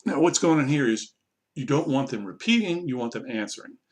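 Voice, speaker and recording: A man, an online English teacher, casually explaining how to run a practice lesson in a relaxed, conversational way. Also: medium pitch, a little fast, slight background noise. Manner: relaxed, conversational, self-correcting.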